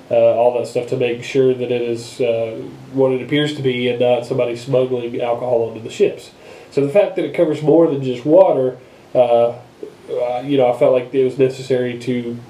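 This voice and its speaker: Casual male vlogger, congested broken-nose sound, very dark mellow timbre, loose rambling delivery, roomy action-camera audio. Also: medium pitch. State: congested blocked nose from being sick. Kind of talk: casual unscripted vlog talk. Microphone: action camera microphone.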